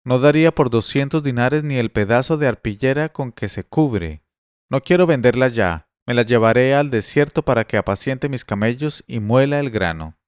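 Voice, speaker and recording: A man voicing a coarse, stubborn Bedouin slave seller who talks loudly and bluntly in a read-aloud tale. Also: medium pitch, expressive, moderate pace, clear, resonant tone, no room sound, clean studio sound, close to an everyday voice. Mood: gruff, stubborn.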